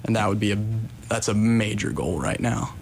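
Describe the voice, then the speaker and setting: A man's voice: fairly low pitch, moderate pace, vocal fry. A young adult man with an American accent giving casual, earnest, rambling answers as an interview guest, with some hesitation. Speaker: interview guest, coffee shop worker. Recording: noticeable background noise.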